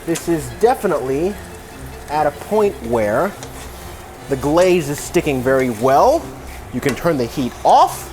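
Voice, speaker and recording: Unhurried yet very animated, a man with a slightly high but darkish voice runs a relaxed cooking video from his home kitchen while tipsy. He jokes around with faux-formal language and wry side comments. Frying sizzle and kitchen noise carry through.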